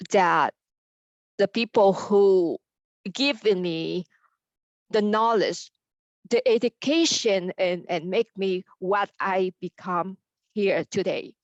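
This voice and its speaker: A woman, a panelist carefully reading her personal story with halting pauses. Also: mid-range voice, no echo, dull audio. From Vietnam. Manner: slow, careful, halting delivery.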